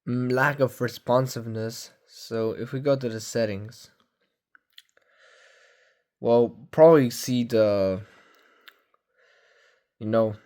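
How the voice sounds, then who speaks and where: A young man of about nineteen talks through his phone collection at home in a loose, unscripted way. His voice sits at an ordinary middle pitch, and he stumbles, restarts and fills gaps with "uh" and "like" as he goes. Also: fairly even intonation, darkish tone, clear, resonant tone. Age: young adult. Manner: rambling, halting, many fillers and self-corrections. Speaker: tech vlogger. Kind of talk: casual phone review.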